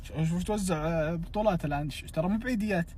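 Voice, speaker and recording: A man's voice: high-pitched, racing, darkish tone, breathy edge. A man teases a rival fan in casual football banter. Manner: teasing, mocking.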